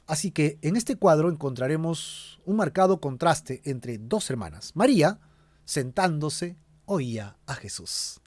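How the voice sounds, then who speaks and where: A man's voice: a little high, a little mellow, dry recording. A man preaching a Bible study sermon, earnestly addressing the listener directly as a pastor.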